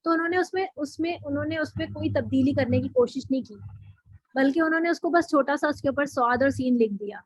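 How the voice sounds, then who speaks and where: A woman's voice: high voice, fairly quick, no room sound, low-quality recording. A woman teaching a recitation class, explaining patiently, often repeating and correcting herself. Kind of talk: online class lesson.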